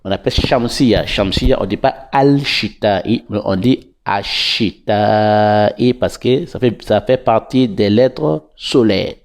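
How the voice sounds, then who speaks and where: A man teaching Quran recitation in French, breaking each verse into syllables and repeating them patiently with drawn-out vowels. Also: medium pitch, creaky, darkish tone. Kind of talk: slow syllable-by-syllable recitation lesson.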